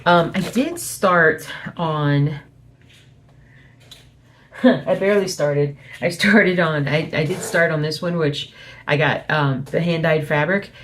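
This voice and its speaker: A woman with a low voice talks quietly, as if keeping it down at night at home. Her delivery is a casual, wandering host's chat that often corrects itself. A faint noise sits behind her in a small room. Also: slow pace, long pauses. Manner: speaking quietly at night so as not to wake someone; rambling, informal, self-correcting. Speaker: host of a weekly cross stitch video update.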